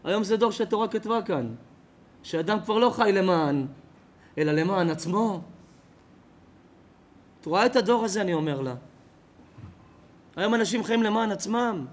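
A rabbi from Israel preaching an ethics sermon to a live congregation, swelling loud on key phrases and then dropping quiet and intimate. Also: male voice, high voice, animated, long pauses. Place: lecture before a live audience.

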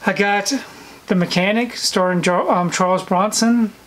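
A woman's voice: mid-range voice, steady tone, a little slow, slight background noise, rough recording. A woman chatting casually through a collection haul vlog, slightly out of breath, with frequent fillers and restarts. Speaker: video collector vlogger.

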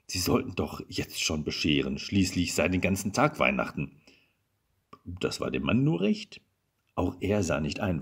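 Gravelly, husky male storyteller. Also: low-pitched. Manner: expressive, animated reading voice. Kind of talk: reading aloud a Christmas story.

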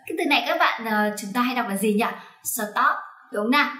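Bright, coaxing woman teacher. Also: a little high, animated, racing, roomy sound. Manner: coaxing, repeats "right?" to check along. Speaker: English pronunciation teacher. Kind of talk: online phonics lesson for parents and children.

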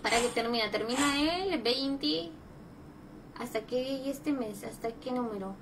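High-voiced young woman gaming streamer. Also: measured pace. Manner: chatty, greets viewers, bursts into loud exclamations. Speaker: livestreamer. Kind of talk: casual gaming livestream chat. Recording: loud background noise.

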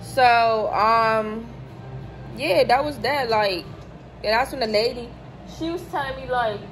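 Animated young woman with a higher voice, telling a storytime. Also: takes it slowly, noisy background. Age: 20s. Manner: animated, acts out quoted people in a higher voice. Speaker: vlogger. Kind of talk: casual storytime chat. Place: hotel room, indoors. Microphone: phone camera held close below the face.

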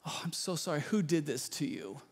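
A man voicing a mock-sympathetic Jesus who coos softly over a poor hurt man. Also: on the high side, big pitch swings, normal speed, slightly rough, exaggerated voice. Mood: mock pity. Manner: soft, cooing, exaggerated pity.

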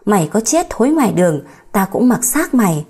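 A woman's voice: medium pitch, sing-song, brisk, darkish tone, slightly rough. A woman voicing a harsh, controlling old mother in an audiobook story, dramatic and scolding.

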